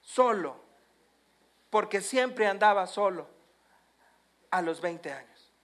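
A preacher retelling a Bible story, swinging between loud emphatic bursts and hushed endings. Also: medium pitch, lively intonation, slow. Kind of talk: storytelling sermon.

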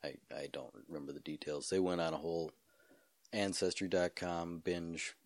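A young man chatting casually as a podcast host, laid-back and quick to laugh while rambling through stories. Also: low-pitched, little pitch movement, no echo. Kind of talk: casual chat.

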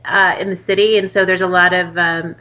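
A woman's voice: fairly low pitch, level tone, brisk, pushed and bright, dull audio. A woman from Texas, a podcast guest chatting casually with many fillers and laughs. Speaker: podcast guest, podcast host of her own show. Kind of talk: casual chat.

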